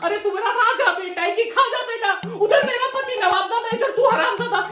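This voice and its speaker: A man's voice: fairly quick, roomy sound. A man playing a fed-up middle-aged mother who scolds her son in a comedy sketch. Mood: ranting. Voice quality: shrill, nagging.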